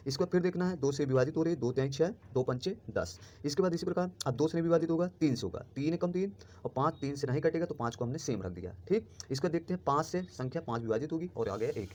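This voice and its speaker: Male math tutor, brisk explainer, higher-pitched, keeps asking if it's clear. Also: darkish tone, a little hiss or hum. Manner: quick, explanatory, checks understanding with "clear?". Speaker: math teacher. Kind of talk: explaining class 5 math lesson.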